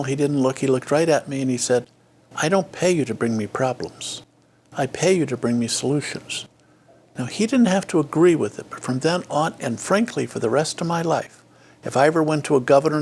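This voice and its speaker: An older man, a former state official appearing as an interview guest, reflects on stories from his career. His voice is on the high side, a little mellow with a breathy edge, and he uses frequent fillers and restarts while acting out quoted dialogue.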